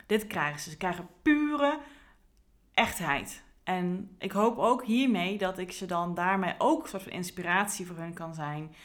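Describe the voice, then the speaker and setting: A woman's voice: on the low side, lively intonation, a little slow. A woman, a career coach, talking earnestly in a reflective podcast monologue with frequent fillers and restarts.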